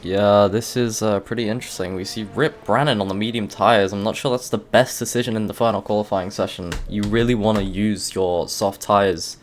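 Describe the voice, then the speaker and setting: A man's voice: fairly low pitch, steady tone, moderate pace, hardly any pauses, a little hiss or hum. A young man co-commentating a sim race live, laid-back and hesitant with many fillers.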